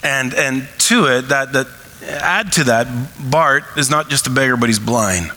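A man preaching a sermon from the pulpit, animated and acting out shouted cries as he retells a story. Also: mid-range voice, unhurried, poor audio. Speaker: pastor.

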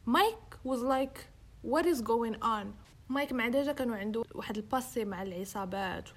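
A woman's voice: fairly high pitch, brisk, a little hiss or hum. A young woman with a Moroccan accent telling a true-crime story in casual chat, switching into English and acting out the quoted dialogue. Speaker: host.

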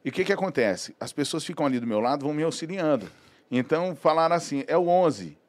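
A man's voice: a little high, fast talker, no echo. A man, a podcast guest telling anecdotes in casual chat and acting out the voices of people he quotes. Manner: animated, acts out quoted dialogue.

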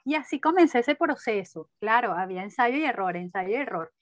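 A young woman telling a personal story in conversation, animated, laughing often and acting out her own inner voice. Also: on the high side, a little fast. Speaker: guest.

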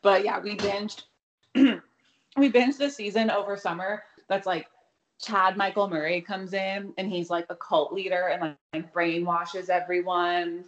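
A woman's voice: medium pitch, fairly even intonation, a little slow, muffled recording. A woman co-hosting a podcast in casual chat, informal and exclamatory, with easy swearing. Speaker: podcast co-host.

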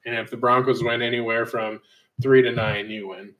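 A man's voice: medium pitch, level tone, normal speed, a bit bright, dull audio. A man co-hosting a casual sports podcast, joking crudely, laughing often and throwing trash talk. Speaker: podcast co-host. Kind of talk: casual profane sports chat. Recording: distant mic, faint background noise.

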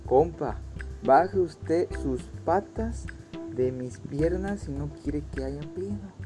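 A stern, threatening chef who spells out his warning slowly and deliberately, as a man puts him on. His voice is low-key and mellow, with a cold edge. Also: animated, faint music behind. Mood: menacing.

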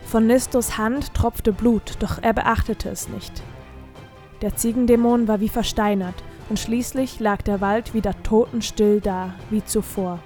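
A woman reading a fantasy audiobook in steady, scripted narration. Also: mid-range voice, unhurried, soft background music.

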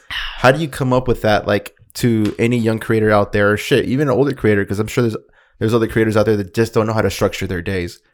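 A man's voice: mid-range voice, darkish tone. A man hosting a casual interview, laid-back and slangy, swearing casually.

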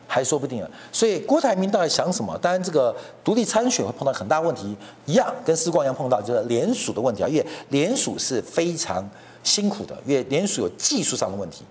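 A man's voice: mid-range voice, a little mellow. A middle-aged man giving heated, mocking political commentary and often asking his listeners whether they follow him. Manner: mocking, heated, keeps asking "you know?".

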